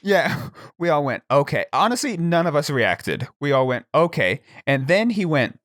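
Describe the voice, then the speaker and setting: Young man, podcast guest; casual, animated storyteller who laughs and swears along the way; dry, close sound. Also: a little high, normal speed, no echo.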